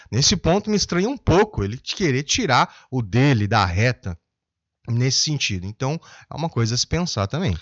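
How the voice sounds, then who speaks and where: A man speaks as a behavior analyst, calm and methodical, pausing to explain each point. His pitch rises and falls with lively emphasis. The voice sounds dry and close, with slightly muffled, lo-fi highs. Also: no room sound. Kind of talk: commentary on video clips.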